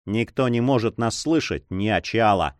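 A man's voice: fairly low pitch, animated, normal speed, no room sound, studio quality, natural voice. A man voicing an eager young nobleman in love who pleads impatiently.

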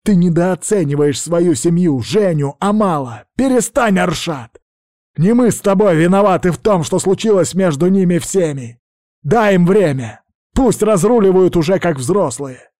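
A man's voice: fairly high pitch, unhurried, warm tone, no echo, pitched above the performer's own voice. A man voicing a cynical, scheming dragon lord who answers with dry, cutting retorts. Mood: heated.

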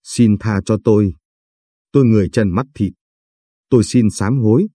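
A man's voice: on the low side, normal speed, dark tone, breathy edge, no room sound. A man voicing a frightened, guilt-ridden man in his forties who begs for mercy. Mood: pleading. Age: 40s. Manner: pleading.

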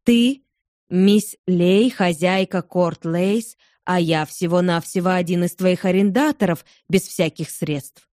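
Shy young farmer in love, hesitant and slow, soft dark tone, read by a woman. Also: lowish voice, dry recording, studio quality. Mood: timid.

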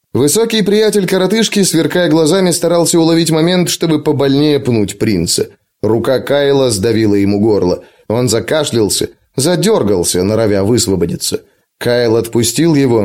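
A man reading an adventure audiobook in a dramatic, expressive narration. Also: medium pitch. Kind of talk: scripted narration.

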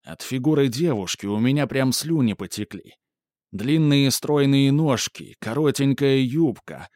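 A man narrating a first-person story in a calm, matter-of-fact, slightly smug manner. His voice sits at an ordinary middle pitch. The recording is dry and close, with no room echo. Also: a little slow. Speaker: audiobook narrator.

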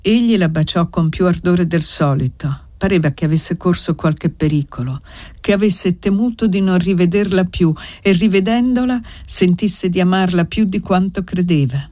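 A reader narrating a classic novel aloud, measured and even in delivery. The voice is mid-pitched. The recording is dry and close, with no room sound. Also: no room sound. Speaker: audiobook reader. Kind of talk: literary narration read aloud.

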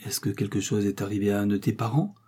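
A man reading an audiobook, voicing a gentle young bride who asks soft, tender questions. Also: lowish voice, steady tone, fast, husky.

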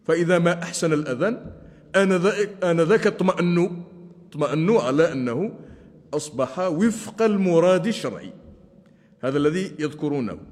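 A male Islamic scholar gives a religious lesson, speaking deliberately and slowing down to demonstrate chanted phrases. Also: fairly high pitch, animated, a little mellow. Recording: long hall reverb.

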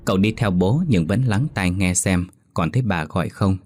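A man narrating a ghost story in a slow, measured storytelling voice. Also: sits low, a little mellow. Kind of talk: scripted horror story narration.

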